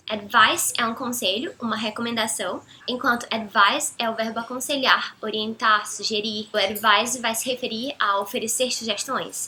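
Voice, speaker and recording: A young woman with a Brazilian Portuguese accent, teaching English pronunciation in a clear, patient explaining style. Her voice sits a little high and sounds bright and crisp, and she slows down carefully for each English example. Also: slight background noise. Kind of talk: explanatory language lesson.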